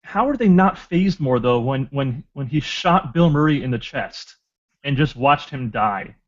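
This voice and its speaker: A man's voice: mid-range voice, expressive, unhurried. A man co-hosting a casual film discussion podcast, making blunt, teasing quips. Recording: dull lo-fi podcast recording.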